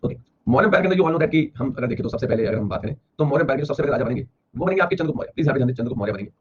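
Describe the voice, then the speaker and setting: A fast-talking Indian man teaches history with a medium-pitched, husky voice and lively intonation, mixing Hindi and English in a classroom lecture. He explains rapidly and repetitively, slowing down to read English lines aloud, on a dull lo-fi recording with faint classroom ambience.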